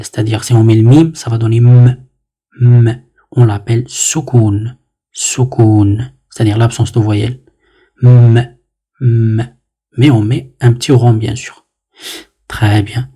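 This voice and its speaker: A man teaching letters and vowels in a patient, step-by-step lesson, slowly repeating each sound and often saying "très bien". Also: mid-range voice, steady tone, mellow, breathy edge. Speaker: Arabic teacher.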